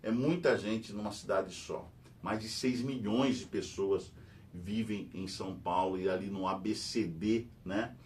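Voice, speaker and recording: A middle-aged Brazilian teacher hosting a news channel, rambling in casual commentary full of fillers and tag questions. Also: male voice, measured pace, a little mellow. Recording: distant mic with faint rumble.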